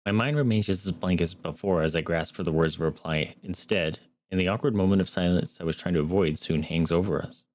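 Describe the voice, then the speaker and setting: A man's voice: low-pitched, brisk, hardly any pauses, a little mellow, no echo. A young man streaming, earnestly reading a story game aloud and adding wry asides. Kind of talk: reading a visual novel aloud with commentary.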